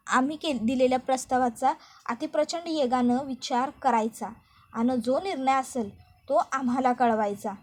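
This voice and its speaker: Give me a brash rustic suitor in a rural dialect, read out by a woman with a high voice. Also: close to an everyday voice. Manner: rural dialect, swaggering, bossy. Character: rustic village man, brash, pushy suitor. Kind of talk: recap narration with read-out dialogue.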